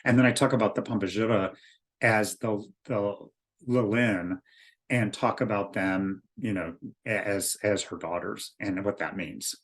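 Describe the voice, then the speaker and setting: Lower-pitched man giving a hesitant talk. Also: fairly even intonation, measured pace. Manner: hesitant, with frequent ums and restarts. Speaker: author and spiritual teacher. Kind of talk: informal spoken lecture.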